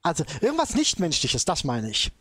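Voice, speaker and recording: A man co-hosting a casual discussion podcast, weighing his words in a measured, hesitant way. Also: on the high side, wildly swooping pitch, fairly bright tone, dry recording. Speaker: podcast co-host.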